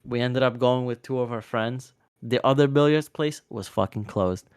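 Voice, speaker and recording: Brief: young male co-host, mid pitch, dry close sound, rambling and profane. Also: normal speed, darkish tone, clear, resonant tone, no room sound. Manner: rambling storyteller, swears freely, many fillers. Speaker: podcast co-host. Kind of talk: casual profane chat.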